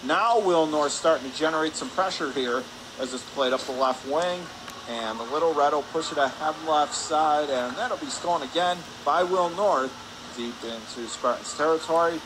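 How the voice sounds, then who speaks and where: The radio play-by-play man has a higher-leaning voice and talks at an ordinary speed. He tracks the ice hockey action in brief, forceful phrases, with the din of the indoor arena audible underneath.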